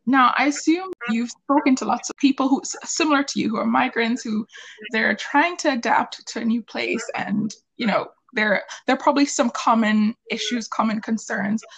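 A woman hosting a podcast, giving the intro and then interviewing her guest with warm encouragement and quick mm-hmms. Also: fairly high pitch, creaky, slightly rough. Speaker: podcast host. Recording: faint music under the voice.

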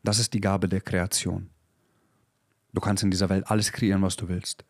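A man's voice: deep voice, little pitch movement, moderate pace, no room sound, clean studio sound. A man in his thirties hosting a podcast, giving an intense, preachy motivational monologue with swearing and English phrases mixed in. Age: 30s. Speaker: podcast host. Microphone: podcast microphone.

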